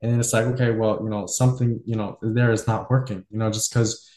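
A man's voice: on the low side, flat delivery, brisk, darkish tone, reverberant. A man hosting a podcast, musing at length in casual conversation with many fillers. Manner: reflective, loosely structured, many fillers. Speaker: podcast host.

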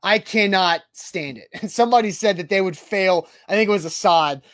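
A man's voice: high-pitched, normal speed, fairly bright tone, no echo. A man hosting a casual sports talk podcast, blunt and repeating himself when worked up. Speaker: podcast host.

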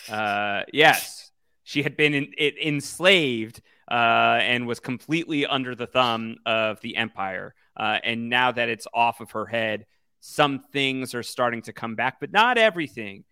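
Bright, clear-voiced man chatting casually. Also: medium pitch, measured pace, dry recording, studio quality. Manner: chatty, many fillers, animated when quoting. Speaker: podcast co-host. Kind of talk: casual podcast chat about a video game.

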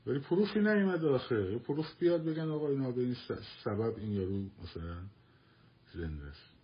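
A man's voice: mid-range voice, animated. Argumentative man hosting a lo-fi livestream. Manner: argumentative, repeats himself for emphasis. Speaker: livestream host. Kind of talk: casual live talk answering listeners.

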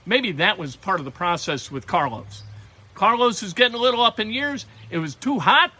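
Man, sports talk host, high bright voice, blunt and emphatic monologue. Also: expressive, moderate pace.

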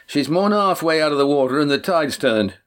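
A man's voice: a little high, expressive, fairly bright tone, pitched above the performer's own voice. A man reading a storybook, voicing a practical young sailor who calls out directions from the shore. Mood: reassuring. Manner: brisk, calling out across a distance.

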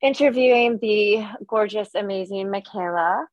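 A young adult woman co-hosting a podcast in a bubbly, gushing, excitable way. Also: medium pitch, moderate pace, no echo, lo-fi sound. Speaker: podcast co-host. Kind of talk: enthusiastic podcast chat.

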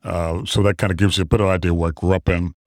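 A deep-voiced middle-aged man talks about his background in a measured, reflective way. He keeps his tone steady and flat, pausing with fillers. The sound is dry and close. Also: dry recording. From New York City, Queens. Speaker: guest, trauma surgeon. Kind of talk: interview conversation.

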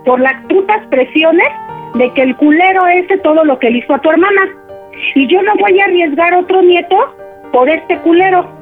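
A woman's voice: very high-pitched, moderate pace, faint music behind. A middle-aged woman on the phone, a firm and protective mother who keeps cutting in with "a ver". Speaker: prank call target, mother. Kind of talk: phone conversation. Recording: tinny phone line.

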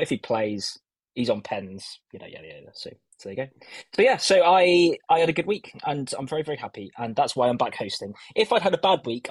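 A man hosts a casual fantasy football podcast in a husky voice. He banters and pokes fun at himself. The audio is dry but low quality, like a stream without a proper microphone. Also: no echo. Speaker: host of a fantasy football show. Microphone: stand-in mic, not his usual one.

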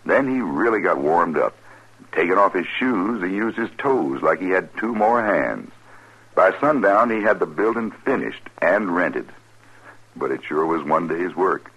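An American man with a gravelly, husky voice, telling a folksy tall tale as a storyteller. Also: low-pitched, a bit bright. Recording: dull old radio recording.

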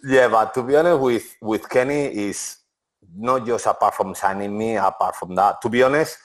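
A lowish voice at normal speed belongs to this former footballer in his forties, an interview guest. He answers in a relaxed way using non-native English, restarting often and leaning on "to be honest."

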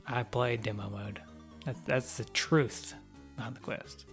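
A man's voice: mid-range voice, a little slow, faint music behind. A man co-hosting a podcast in casual chat, laid-back and joking, often laughing. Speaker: podcast co-host.

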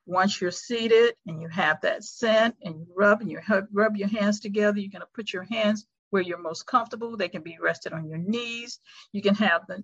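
A woman leading a guided meditation like a sleep story narrator, giving gentle, deliberate step-by-step instructions. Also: medium pitch, no echo, highs cut off. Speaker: mindfulness meditation facilitator.

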